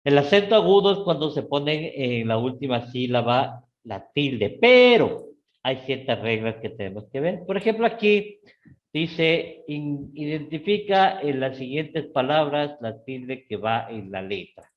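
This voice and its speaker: A middle-aged man with an Ecuadorian Spanish accent teaching a live class, often checking in with his students and rising sharply in pitch on key words. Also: measured pace, lo-fi sound. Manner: repeats "¿sí?" and "¿no es cierto?" to check on students; lively, with sudden rises in pitch.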